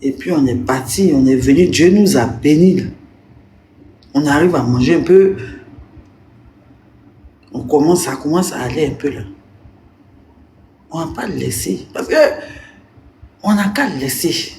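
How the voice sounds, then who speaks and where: A woman's voice: low-pitched, measured pace, pauses often, mellow, slight background noise. A woman, a little tipsy, chatting to her live-stream viewers in a teasing, rambling way and breaking into giggles. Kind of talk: casual live-stream chat addressing viewers. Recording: roomy with faint background ambience.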